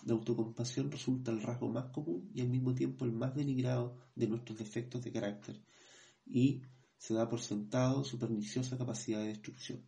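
A man co-hosting a podcast, reading passages from a book in a measured way, then hesitating as he comments in his own words. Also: medium pitch, steady tone, vocal fry, dark tone. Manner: measured reading, hesitant when speaking freely. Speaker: podcast co-host.

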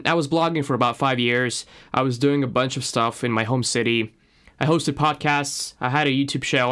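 Guy with a russian accent, native russian speaker, doing an earnest scripted podcast intro, mid pitched voice. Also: fairly bright tone. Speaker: podcast host.

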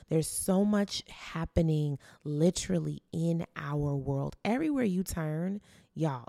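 A woman's voice: low voice, gravelly, warm tone, dry recording, studio quality. An American woman hosting an inspirational podcast in a conversational, earnest and affirming way, with a preacher's emphasis and repetition.

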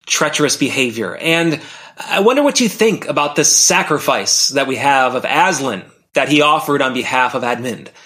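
A man's voice: fairly high pitch, a bit bright. A man hosting a podcast, reflecting thoughtfully and asking the listener questions, with some fillers. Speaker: podcast host.

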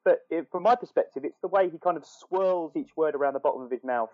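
A man's voice: on the high side, quick pace, no room sound. Enthusiastic man in a dry, dull recording. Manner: enthusiastic, hesitant, many restarts. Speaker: podcast co-host. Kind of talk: casual chat.

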